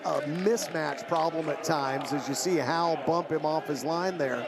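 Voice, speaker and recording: A male color analyst talks through a live basketball game in a conversational, opinionated way. His voice is high for a man and has a gravelly creak. A clear arena crowd is behind him. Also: normal speed. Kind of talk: live sports commentary.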